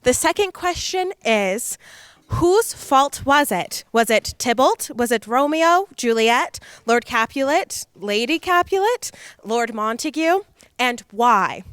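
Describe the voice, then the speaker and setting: A woman with a slightly high, smooth, resonant voice moderates a talkback after a show. She is friendly and organized and reads out the questions steadily. The sound is dry and close. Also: animated, slow, a bit bright, no room sound. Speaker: company manager and talkback moderator.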